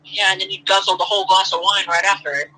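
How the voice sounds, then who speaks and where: A woman's voice: mid-range voice, level tone, bright, forceful tone, slight background noise. A woman talking on a phone call, held away from the mic, chatting and teasing casually. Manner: joking, teasing, quick back-and-forth. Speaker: livestream co-host on a call. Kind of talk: casual chat.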